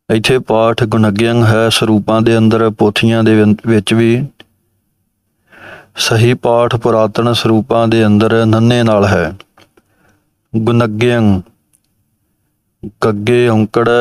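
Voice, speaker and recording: A man teaching correct recitation of a sacred text, chanting each line slowly and then explaining how to pronounce it. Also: fairly low pitch, smooth, dry recording. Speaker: Gurbani pronunciation teacher. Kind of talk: recitation lesson.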